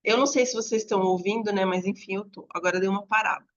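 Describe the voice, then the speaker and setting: A woman's voice: mid-range voice, very fast, dull audio. A woman teacher giving an online lesson, patiently stretching out example words as she explains. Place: home apartment with dogs barking nearby.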